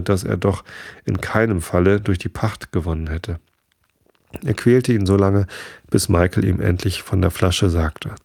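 Low gravelly guy reading a fairy tale, steady pace, dry close sound. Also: no room sound. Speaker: narrator. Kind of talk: storybook reading.

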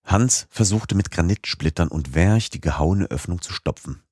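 A man narrating a classic novel as an audiobook in a measured, steady manner. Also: sits low, dry recording, studio quality.

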